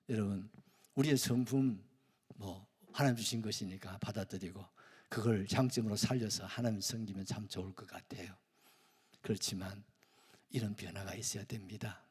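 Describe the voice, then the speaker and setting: Gyeongsang man preaching, husky voice, long reverb off the church walls, whisper-to-loud swings. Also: medium pitch. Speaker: pastor. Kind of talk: sermon. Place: church sanctuary.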